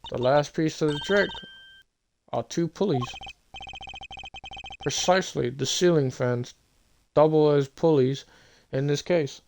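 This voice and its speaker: A man voicing a composed, formal male prosecutor, reading game dialogue aloud in a measured way. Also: on the high side, creaky, a little mellow, slight background noise. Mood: confident. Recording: game music behind the voice.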